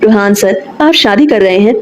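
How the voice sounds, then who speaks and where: A woman's voice: medium pitch, moderate pace, a little hiss or hum, natural voice, low-quality recording. A woman voicing a jealous young woman in a romance audiobook, talking in a pleading, demanding way. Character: jealous young woman office worker, pleading then threatening.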